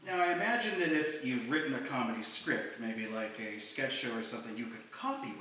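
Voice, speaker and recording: A man's voice: medium pitch, brisk, pushed and bright, a little hiss or hum. A man moderating a comedy panel, asking questions and taking audience questions. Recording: echoey room, distant mic.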